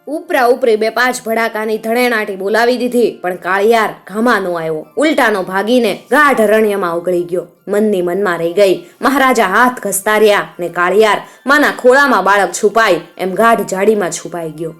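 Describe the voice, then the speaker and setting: A woman narrates a folk tale in a vivid, scripted storytelling manner. Her voice sits at a middle pitch, and faint music runs underneath. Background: faint background music.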